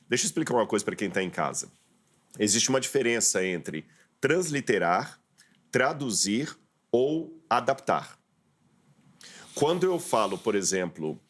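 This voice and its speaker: A man's voice: on the low side, a bit bright. A man, a guest professor on a studio talk show, explaining terms step by step in an interview.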